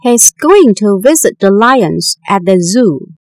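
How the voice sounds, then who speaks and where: In clean, dry studio sound, a woman narrates a textbook listening exercise, reading instructions and sentences with slow, careful enunciation. Her voice is medium-pitched, sing-song and a little mellow.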